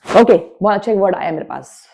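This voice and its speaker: Animated and quick, this woman's medium-pitched voice is creaky yet mellow as she runs an English grammar class. Hindi mixes with her English words, and she stresses points through repetition while having students sound out letters aloud.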